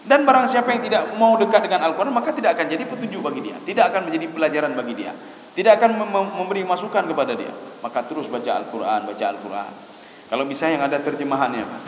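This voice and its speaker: A man's voice: on the high side, animated, racing. A man preaching a conversational sermon to a congregation, often addressing them as "Pak" and acting out little dialogues. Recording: echoey hall, dull lo-fi, faint hiss.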